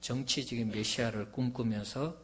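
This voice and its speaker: A man's voice: medium pitch, steady tone, normal speed. A man preaching a sermon as a pastor, reading scripture aloud with rising emphasis.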